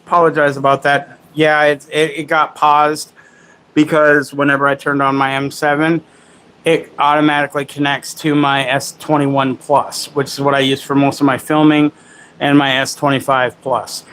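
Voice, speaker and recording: A man's voice: on the high side, little pitch movement, normal speed, fairly bright tone, a little hiss or hum, poor audio. A man hosting a casual livestream, demoing camera gimbals and chatting with viewers in a rambling, self-correcting way. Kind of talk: casual live product demo.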